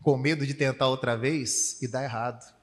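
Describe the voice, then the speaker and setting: A man's voice: medium pitch, moderate pace. A man preaching a sermon as pastor, telling stories and acting out voices. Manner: animated storytelling with acted voices. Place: church hall. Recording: long hall reverb.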